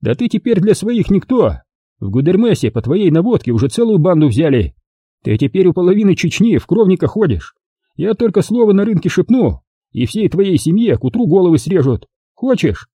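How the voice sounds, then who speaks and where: A man voicing a brutal, loud army brigade commander who talks harshly and threateningly in an audiobook. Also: high voice, very animated, brisk, slightly rough, no echo, clean studio sound, voice pushed up, heavily acted. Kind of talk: audiobook character voice.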